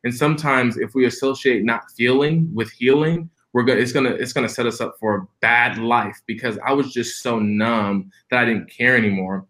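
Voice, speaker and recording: A man's voice: medium pitch, normal speed, hardly any pauses, fairly bright tone. A man in his twenties, a preacher and podcast guest, telling a personal story in an earnest, reflective way with frequent restarts. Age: 20s.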